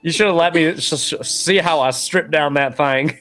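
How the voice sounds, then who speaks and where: A man's voice: on the high side, normal speed, a bit bright, soft background music. A man playing a tabletop game, joking and drawling through crude banter. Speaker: player. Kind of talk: casual streamed tabletop game chat.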